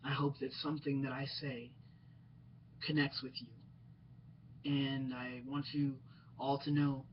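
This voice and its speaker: Reflective young man, slightly muffled. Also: medium pitch. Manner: reflective, hesitant, many ums and restarts. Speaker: vlogger. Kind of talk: personal video diary. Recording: slightly dull lo-fi sound with faint noise.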